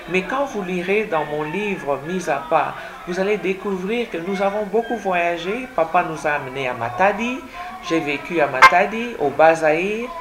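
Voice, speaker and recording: A guest author born in Congo, whose first language is French, answers questions in a radio interview. Her voice is fairly low pitched, and she is hesitant, relying on many fillers and repeating words.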